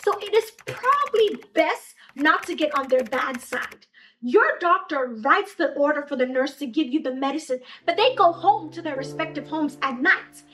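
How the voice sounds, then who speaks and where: A woman's voice: sits high, lively intonation, normal speed, fairly bright tone, slight background noise. A woman narrating scripted personal advice as a vlogger, in a direct, instructive way. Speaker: vlogger sharing surgery recovery advice. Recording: echoey room, distant mic, music behind.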